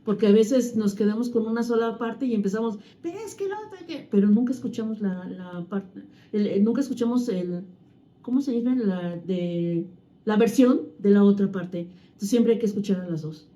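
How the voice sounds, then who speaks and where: A woman's voice: mid-range voice, steady tone, normal speed, mellow. A woman, co-hosting a casual chat as a mother and teacher, telling anecdotes with a moral. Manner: conversational storyteller who tells anecdotes with a moral.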